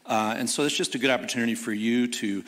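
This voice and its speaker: A man giving a church announcement on stage in a plain, slightly halting way, speaking into a stage microphone in a church sanctuary. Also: medium pitch, fairly bright tone. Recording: long reverb of a church hall.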